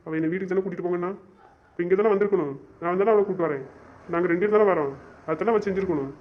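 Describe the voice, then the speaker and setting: A man's voice: a little high, steady tone, quick pace, lightly acted. A young man playing a stubborn young man who is hurt and fed up with his girlfriend, and who talks in an insistent, exasperated way and repeats himself. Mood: frustrated. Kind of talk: amateur web drama acting. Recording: dull lo-fi recording.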